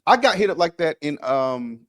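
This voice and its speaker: A man's voice: on the high side, big pitch swings, normal speed. A man co-hosting a podcast, joking around and building bits with quoted lines. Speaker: podcast co-host. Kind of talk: casual chat.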